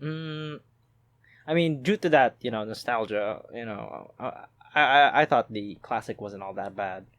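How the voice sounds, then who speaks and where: A man's voice: medium pitch, a little slow, no room sound. A young man from the Philippines co-hosting a podcast, chatting casually and laughing as he swears through his stories. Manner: laughing, swearing, animated banter. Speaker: podcast co-host. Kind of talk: casual chat.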